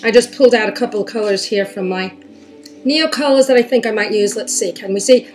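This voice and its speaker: A woman chatting casually through an art journaling tutorial at home, chewing gum and talking while she works, with soft soundscape music playing from a TV. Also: medium pitch. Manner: slow, chatty, talks while working. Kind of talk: casual craft tutorial chat.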